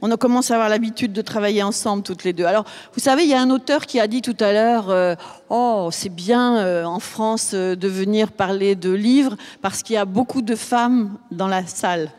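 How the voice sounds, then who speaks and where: A woman's voice: medium pitch, moderate pace, darkish tone. A woman hosting a book festival panel, introducing guests with many hesitations and fillers. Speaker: host. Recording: long hall reverb.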